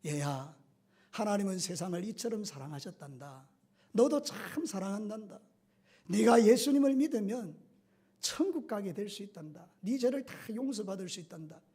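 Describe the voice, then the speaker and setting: A pastor putting on a gentle fatherly prison guard. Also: high voice, animated, normal speed. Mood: tender.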